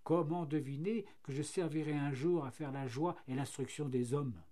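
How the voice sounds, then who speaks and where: A man's voice: on the high side, normal speed, dark tone, lightly acted. A man voicing a cheerful, self-satisfied flax plant that becomes linen and then paper, marvelling at its fortune. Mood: content.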